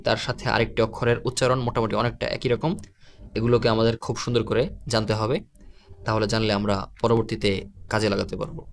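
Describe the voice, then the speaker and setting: A man teaching how to pronounce Quran letters in a recorded online lesson, explaining slowly and patiently and repeating each letter sound. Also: medium pitch, slight background noise.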